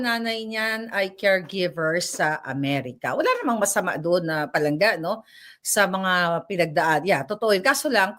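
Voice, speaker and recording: A woman doing a casual ranting commentary vlog. She is animated, keeps seeking agreement from her viewers and laughs between remarks. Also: fairly low pitch. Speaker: commentary vlogger.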